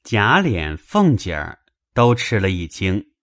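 A man narrating a classic novel in a measured dramatized reading, also taking the men's parts. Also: fairly low pitch, sing-song, fairly bright tone, no room sound, clean studio sound. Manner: measured storytelling, also voicing male characters.

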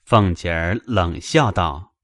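A man narrating a classic novel in a measured dramatized reading, also taking the men's parts. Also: deep voice, fairly bright tone, dry recording, clean studio sound. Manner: measured storytelling, also voicing male characters.

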